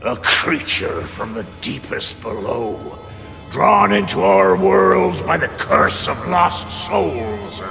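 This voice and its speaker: Gravelly, haunted old-sea pirate captain. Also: male voice, mid-range voice, very animated, full character voice. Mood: regretful. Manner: slow, dramatic, weighty. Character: weathered, brooding male pirate captain, solemn and haunted. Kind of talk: video game dramatic acting. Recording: long reverb with music behind.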